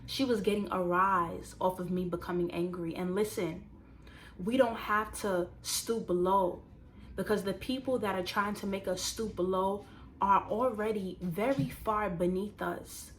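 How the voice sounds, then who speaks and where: A woman in her twenties, casually telling a personal story to viewers and turning it into motivational advice, animated and talking straight to the audience. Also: medium pitch, measured pace, slight background noise. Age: 20s. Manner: animated, conversational, addresses viewers directly. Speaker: vlogger.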